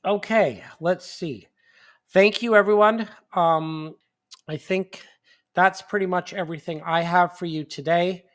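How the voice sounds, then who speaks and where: Sniffling now and then, a man with a slightly high, a bit bright but steady voice rambles through his monthly home-desk live stream. His casual chat is slow and loose, full of fillers and false starts.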